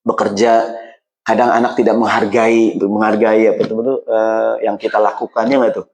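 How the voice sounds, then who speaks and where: A man preaching a casual sermon in a mosque. He talks in lively slang and jumps high in pitch when he quotes other people. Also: moderate pace, rough recording.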